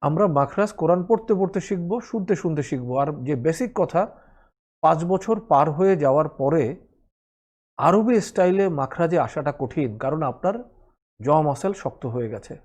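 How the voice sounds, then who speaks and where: A man's voice: a little high, animated, a little fast, darkish tone. A man teaching Quran recitation in a spoken lesson, explaining each rule patiently and repeating the sounds for practice.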